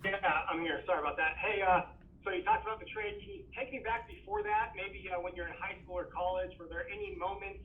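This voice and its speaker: A high-pitched man asks quick press conference questions over a clipped phone line that keeps breaking up. His voice comes through tinny and distant, strung together with filler words. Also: big pitch swings. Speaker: sports reporter asking questions. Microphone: phone call.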